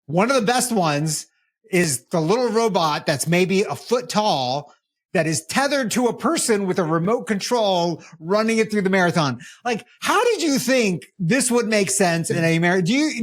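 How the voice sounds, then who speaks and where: Joking man riffing on tech news. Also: high voice. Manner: joking, animated, sarcastic riffs. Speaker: podcast co-host. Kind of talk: casual chat.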